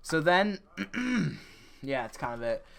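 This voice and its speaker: A young man with a bright, forceful voice sitting a touch above the usual pitch for men. He hosts a loose, casual post-show chat with friends, often laughing and stumbling over restarts as he reads out viewer questions. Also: big pitch swings, slow, creaky. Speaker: host and editor.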